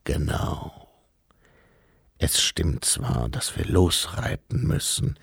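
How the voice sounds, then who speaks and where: A man as deep, slow, solemn Death. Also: big pitch swings, vocal fry, a bit bright, slightly rough, no echo, studio quality, exaggerated voice. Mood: calm. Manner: solemn, measured. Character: Death, solemn, grave, unhurried male personification.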